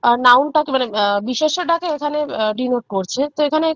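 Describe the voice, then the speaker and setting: A woman's voice: sits high, animated, quick pace, fairly bright tone, dry recording. Hesitant woman student with a dull sound. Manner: hesitant, searching for words. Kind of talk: questioning the teacher in class.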